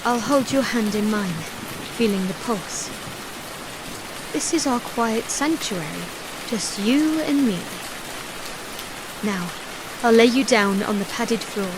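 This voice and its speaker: A woman playing a tender, doting partner in a soft ASMR role-play, speaking in a soothing, intimate, hypnotic manner. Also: fairly high pitch, expressive, slow pace, long pauses, background noise. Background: rain.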